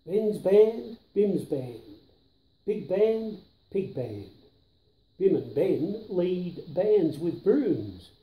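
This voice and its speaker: Reading a tongue-twisting rhyming children's book, this grandfather storyteller in his seventies places each word deliberately and with emphasis from a living-room sofa. His high-pitched, very animated voice moves extremely slowly, and the sound is phone-quality. He's captured by a camera a few feet away, with the living room's roomy echo.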